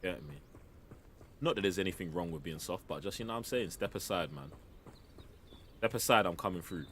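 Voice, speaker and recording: A man's voice: low-pitched, fairly quick, fairly bright tone, slight background noise. A British man giving joking, slangy commentary while livestreaming a video game. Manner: slangy, joking banter with chat. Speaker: streamer.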